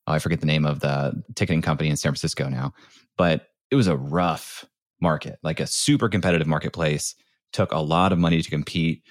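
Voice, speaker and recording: With an extremely low-pitched voice, a US man who went from startup founder to creator chats as a podcast guest, recounting his experiences and saying "like" a lot. The audio is clean studio sound with no echo.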